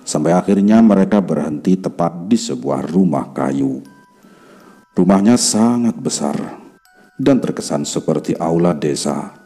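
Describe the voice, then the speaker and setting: A man narrating a horror story in a measured, dramatic way. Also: low-pitched, lively intonation, mellow. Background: faint background music.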